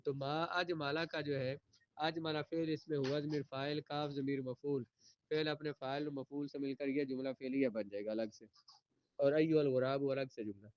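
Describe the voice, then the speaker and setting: A man teaching an Arabic grammar lesson, reading each sentence slowly and then translating and explaining it. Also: medium pitch, fairly even intonation, darkish tone, smooth, dull audio.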